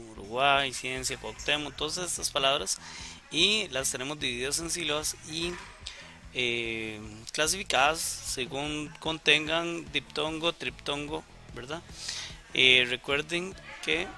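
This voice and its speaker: Gravelly male teacher explaining patiently. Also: on the high side, sharp tone. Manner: patient explaining, frequent "eh" and tag questions. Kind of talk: recorded lesson talking through exercises.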